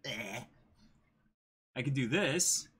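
Hosting a livestream manga dramatic reading from a small room with a backdrop, a man in his twenties chats loosely and reads in a jokey style, repeating short phrases. His mid-range voice is a bit bright and slightly rough, slow-paced with lively intonation.

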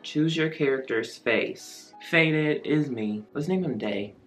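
A man's voice: on the high side, soft background music. A young man hosting a gaming video, reading a story game aloud with chatty, playful asides. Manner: chatty and playful, quick asides, reads dialogue softly. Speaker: gaming YouTuber.

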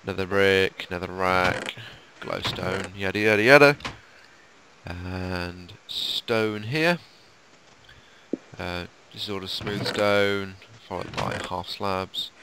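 Casting: low-voiced male let's-player, tired and croaky, chatty tour-guide delivery, faint hiss. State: sleepy, croaky late-night voice. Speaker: let's play co-host. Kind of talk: casual gameplay commentary.

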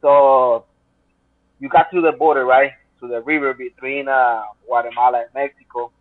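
Speaking from a home room on a video call that sounds tinny and phone-like, a Central American man in his thirties with a Spanish accent recounts his own story as an interview guest. His mid-range voice is steady and at normal speed, with no room sound, and his telling is earnest, rambling and full of fillers.

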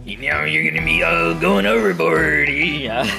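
A man voicing a gruff male pirate, growling in drawn-out pirate talk. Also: a little high, huge pitch swings, over music, exaggerated voice. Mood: mock gruff.

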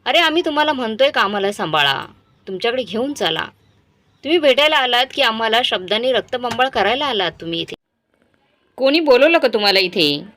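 An elderly retired father, wounded and furious, who raises his voice at his grown sons, read by a woman storyteller. His speech swings widely in pitch. It is an emotional storybook reading. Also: expressive, a little fast, heavily acted. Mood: angry, bitter. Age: older. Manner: shouting, bitter.

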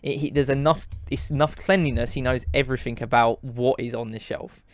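A man's voice: mid-range voice, steady tone, brisk. A man narrating as game master of a tabletop game, often repeating words as he describes scenes.

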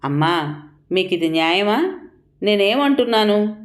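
A woman's voice: medium pitch, expressive, unhurried, natural voice. A woman voicing a meek, pleading young wife. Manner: soft, pleading, timid.

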